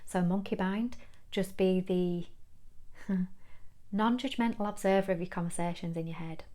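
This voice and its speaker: A woman's voice: lowish voice, fairly even intonation, moderate pace. A woman, a kinesiology teacher, talking earnestly and reflectively about inner healing. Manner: earnest, reflective, with soft laughs. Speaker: kinesiology teacher and spiritual guide. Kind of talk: reflective spiritual talk.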